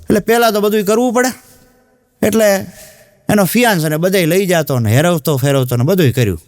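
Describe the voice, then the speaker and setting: A man telling a comic anecdote in a relaxed, conversational way. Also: high-pitched, fairly quick. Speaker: stand-up comedian. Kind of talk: Gujarati joke telling on stage.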